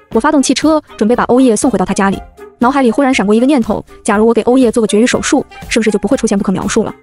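A woman narrates a comic web-novel story in the first person, with snark and quick jokes. Her voice sits a little high and races along at a very fast clip. Soft music runs quietly under the reading.

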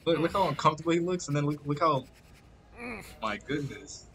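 A man reacts to a video with excitable, disbelieving commentary. His pitch sits a little high and swings widely, and faint noise is heard behind him. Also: fairly quick. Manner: excitable and incredulous, repeating himself.

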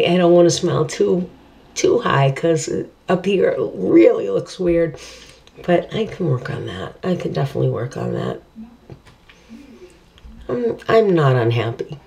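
Low croaky middle-aged woman vlogging with new dentures in, halting, repeats herself. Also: big pitch swings, warm tone. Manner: halting, repeats words, thinks aloud. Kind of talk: casual video diary.

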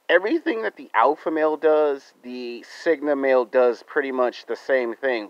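An American man in his thirties talking deliberately to his subscribers in short, emphatic, repetitive phrases, outdoors into a close phone. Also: mid-range voice, dry recording. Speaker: YouTube vlogger. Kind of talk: monologue to camera for subscribers. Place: outdoors in a residential yard. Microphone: phone held close to the face. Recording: dull, lo-fi phone audio.

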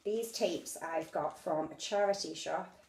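A middle-aged British woman with a lowish, gravelly, slightly mellow voice presents a relaxed hands-on craft session. She talks while working at her dining-room table, and the home room echoes.

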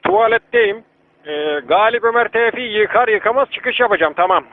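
A man's voice: sits high, expressive, fairly quick. A man working as a police officer, answering over a walkie-talkie in hesitant, flustered replies. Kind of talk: radio call-sign exchange. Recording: tinny walkie-talkie radio with faint static.

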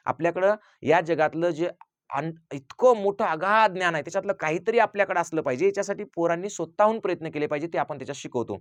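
Man, teacher, rhetorical questions, rapid delivery, dry close sound. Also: on the high side, no room sound. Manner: rhetorical questions answered himself; acts out children's quoted lines. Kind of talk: parent advice talk.

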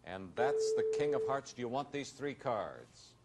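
A man's voice: mid-range voice, sing-song, a little slow. A middle-aged American man hosting a game show, announcing each move with suspense in a commentary style. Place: television studio. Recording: noisy vintage TV studio recording.

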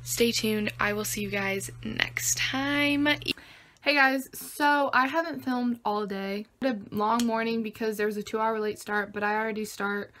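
A woman's voice: fairly high pitch, fairly even intonation, measured pace, a bit bright, a little hiss or hum. Chatty teenage girl vlogging from her bedroom. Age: teens. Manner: chatty, rambling, lots of "like" and "I don't know". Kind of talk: casual vlog chat. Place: bedroom, indoors. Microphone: phone camera at arm's length.

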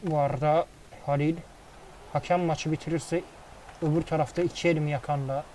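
Excitable man calling a football game. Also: fairly high pitch, brisk, slight background noise, poor audio. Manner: excitable play-by-play, swears casually. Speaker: gaming commentator. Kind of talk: casual football game commentary.

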